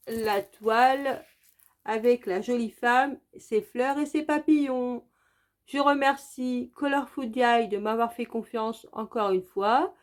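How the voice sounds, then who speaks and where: A woman from France narrating a casual craft unboxing as host of her channel, chatty and repetitive, with many fillers. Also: a little high. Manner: chatty, repeats "donc" and "très, très" often.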